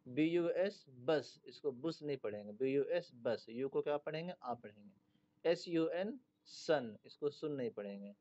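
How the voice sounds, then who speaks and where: A man's voice: medium pitch, lively intonation, normal speed, dark tone. A man teaching a class, patiently spelling out words letter by letter and explaining how each one is pronounced. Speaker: English teacher. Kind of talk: classroom lesson explaining pronunciation. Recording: dull lo-fi recording.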